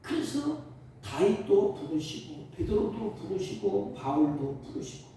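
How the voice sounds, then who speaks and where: A male pastor preaching a Sunday sermon, swinging from loud exhortation to hushed, tender asides. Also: on the high side, wildly swooping pitch, measured pace, a little hiss or hum. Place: church sanctuary. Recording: roomy church sound from a distant mic.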